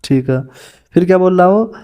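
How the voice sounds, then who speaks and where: Man, high voice, young adult, exam coaching teacher, chatty and informal, solving puzzles on a board. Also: expressive, normal speed, dark tone. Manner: chatty, calls students "bhai".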